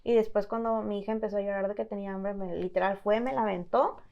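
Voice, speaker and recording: A woman from Mexico tells her story in an interview, halting and restarting as she goes. Her pitch sits in a middle range. The audio is slightly dull. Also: fairly even intonation, gravelly. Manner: halting, with many fillers and restarts. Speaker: guest telling her story. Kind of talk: personal testimony in an interview.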